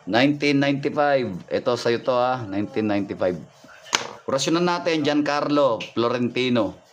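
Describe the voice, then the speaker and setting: A man's voice: mid-range voice, lively intonation, normal speed. A man working as a folk healer, reading signs live on stream, repeating himself and thanking viewers by name over faint background noise. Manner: repetitive, thanks viewers by name, points things out.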